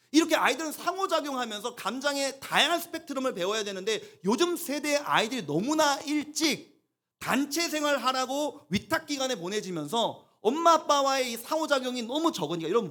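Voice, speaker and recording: A man in his thirties, a pastor preaching a sermon in a church, animated and acting out little voices and sounds to make his points. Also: sits high.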